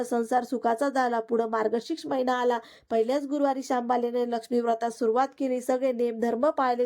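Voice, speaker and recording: A woman vlogger narrating a devotional folk tale in a steady, simple recital. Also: a little high. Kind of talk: storytelling narration.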